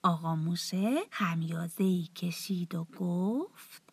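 A woman telling a bedtime story to children in a soft, often half-whispered, tender voice. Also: fairly low pitch, creaky, husky, dry recording.

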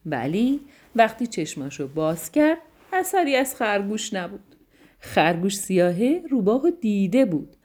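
A woman narrating a children's bedtime story, gentle and affectionate, speaking tenderly to the children. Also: mid-range voice, sing-song.

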